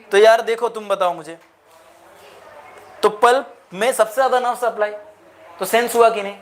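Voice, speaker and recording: A man's voice: sits high, fairly bright tone, slight background noise. A man teaching a lecture, mixing in English phrases and asking the class questions again and again. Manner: asks the class repeated questions.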